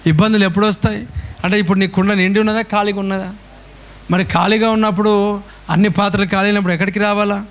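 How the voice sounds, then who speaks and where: A man's voice: high-pitched, flat delivery, quick pace, fairly bright tone. A male pastor preaching a call-and-response sermon, firing repeated rhetorical questions at his congregation.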